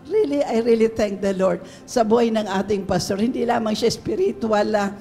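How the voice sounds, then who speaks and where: A woman giving a lively, laughing testimony in a church service, mixing English into her Tagalog. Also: a little high, moderate pace. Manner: animated storyteller, laughs often, mixes English into Tagalog. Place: church sanctuary. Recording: long reverb of a church hall.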